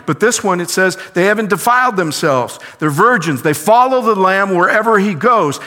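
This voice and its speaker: Bright-voiced preacher in a reverberant hall. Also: male voice, sits high. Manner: asks questions and answers them himself. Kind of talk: sermon.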